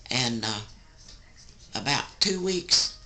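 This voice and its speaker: An elderly woman with a Southern US accent, a sweet old lady telling family stories in a folksy, rambling, gravelly way. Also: extremely low pitch, lively intonation, slow pace, bright, forceful tone. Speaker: grandmother recounting family stories. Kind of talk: casual oral storytelling.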